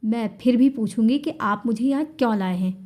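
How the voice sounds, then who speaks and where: A woman's voice: fairly high pitch, dark tone, close to an everyday voice. A woman voicing a defiant young wife in an audiobook, speaking sharply and angrily. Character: defiant angry young wife, kidnapped by her husband.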